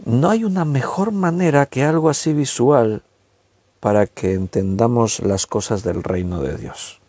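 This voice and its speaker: Conversational preacher, dry sound. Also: male voice, medium pitch, a little mellow, breathy edge, no echo. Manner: conversational, stretches key words slowly for emphasis. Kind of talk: sermon. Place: recorded at home with a tablet.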